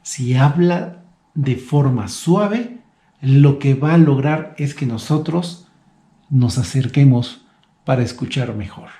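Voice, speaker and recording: A man in his thirties preaching a soft, earnest, reflective devotional sermon. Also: medium pitch, slow pace, echoey room.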